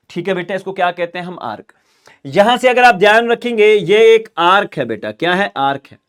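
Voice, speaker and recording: High-voiced Kashmiri maths teacher. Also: male voice, a bit bright. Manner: calls students "beta", asks and answers his own questions, repeats key terms. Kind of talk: classroom lecture.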